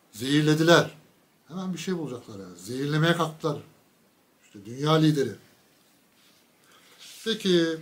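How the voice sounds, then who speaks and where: A man giving a casual political commentary monologue, mocking and sarcastic, talking straight to his viewers with emphatic lists. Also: fairly high pitch.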